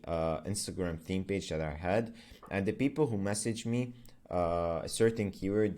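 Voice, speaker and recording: A young man, a native Arabic speaker, talks through his business journey in a casual explainer vlog as an agency founder. His voice is low-pitched with a darkish tone, and his delivery is loose and conversational, packed with fillers and frequent self-corrections.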